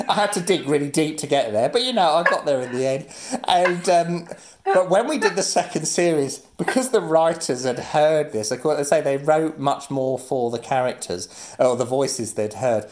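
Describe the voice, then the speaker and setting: A male guest in easy conversation, his voice rising and falling a lot as he tells anecdotes. He laughs often and slips into quick impressions of other people mid-story. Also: on the high side, lively intonation, a little mellow. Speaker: guest, actor and comedian. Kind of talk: casual chat.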